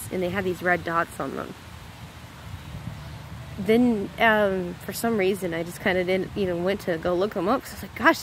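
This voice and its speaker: An American woman in her thirties, a spiritual vlogger, gives a casual monologue to camera, rambling into tangents and correcting herself as she goes. Her voice is mid-range with a fairly bright tone, and the low-quality recording has slight background noise.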